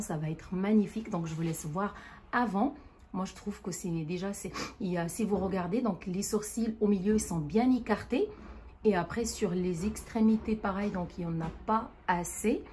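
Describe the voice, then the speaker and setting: A woman's voice: fairly low pitch, moderate pace, dark tone, a little hiss or hum. A woman beautician giving a casual on-camera demonstration in a salon treatment room. She speaks with enthusiasm, repeats her praise and explains the aftercare steps. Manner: enthusiastic, repetitive praise, instructive. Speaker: microblading beautician.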